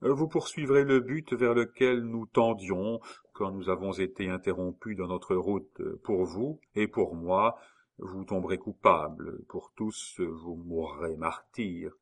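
Here a deep-voiced man narrates an audiobook unhurriedly, performing the part of a chilly husband. With sneering, mock-polite taunts, the character needles his wife under a veneer of good manners.

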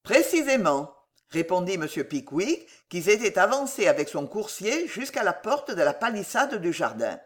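A narrator reading a classic novel aloud in an expressive, lively way. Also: medium pitch, normal speed, hardly any pauses. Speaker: audiobook narrator. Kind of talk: audiobook narration.

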